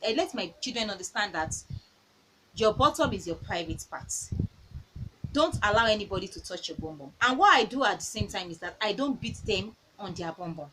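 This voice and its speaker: A woman's voice: mid-range voice, animated, fairly quick, sharp tone, slight background noise, poor audio. A woman in her thirties giving earnest parenting advice in a casual talk. She repeats phrases and tells stories from her own home.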